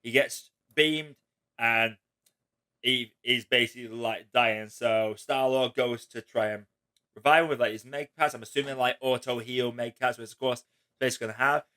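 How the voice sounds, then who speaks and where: A man's voice: medium pitch, steady tone, moderate pace, bright, forceful tone, smooth. A man hosting a casual film chat, rambling with lots of filler words and casual swearing. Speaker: host.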